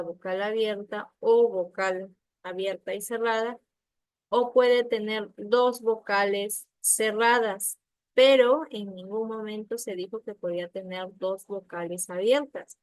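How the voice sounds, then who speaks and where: A woman teaching a primary school spelling lesson online, patient and slow, often checking that the students follow and sounding out words syllable by syllable. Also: mid-range voice, steady tone, no room sound. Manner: slow, patient, checks understanding with frequent questions. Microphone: computer mic on a video call.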